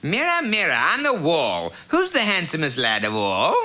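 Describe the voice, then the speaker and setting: Spoiled cartoon prince villain, whiny and boastful, voice jumping all over, sharp and bright. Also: mid-range voice, wildly swooping pitch, measured pace, heavily acted. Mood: smug. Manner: boastful, petulant. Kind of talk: exaggerated cartoon voice acting. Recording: old TV cartoon soundtrack.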